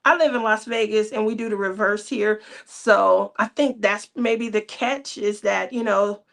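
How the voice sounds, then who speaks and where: A woman's voice: mid-range voice, unhurried, creaky, fairly bright tone. A woman, hosting a casual craft livestream, chatty and teasing with frequent laughter. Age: 30s. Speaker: craft channel host.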